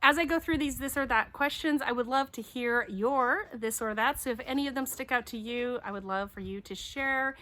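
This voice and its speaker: Middle-aged woman, vlog host, chatty and upbeat, bright voice, casual talk outside. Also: fairly high pitch, normal speed, few pauses. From Taiwan. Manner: chatty, answering questions in turn. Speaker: homeschooling YouTube host. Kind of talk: casual chat. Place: outdoors.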